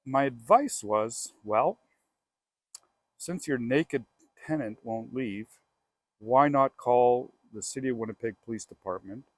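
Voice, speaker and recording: A man's voice: medium pitch, dry recording. A man with a Canadian accent, hosting his own real estate show outdoors, telling a story casually and acting out both sides of a phone call. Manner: chatty and animated, acts out both sides of phone calls. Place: outdoors by a house.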